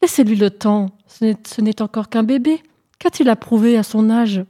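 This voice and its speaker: A woman's voice: a little high, normal speed, dark tone, close to an everyday voice. A woman voicing a patient, loving mother hare speaking earnestly to her son in a storybook tale. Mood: firm loving. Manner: earnest and firm.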